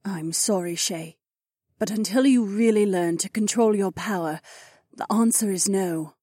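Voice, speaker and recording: A man's voice: sits high, unhurried, mellow, no echo, studio quality, voice pushed up. A man voicing a stern ibex woman mage who talks in a clipped, scolding way, in an audiobook reading. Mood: stern, worried. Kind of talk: audiobook character voice.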